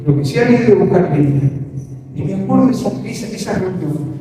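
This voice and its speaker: A male pastor with a Rioplatense Argentine accent, preaching a sermon as fervent storytelling that climbs to excited peaks. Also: sits high, fast, over music. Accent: Rioplatense Argentine Spanish. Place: large church hall. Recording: echoey hall from a distant mic.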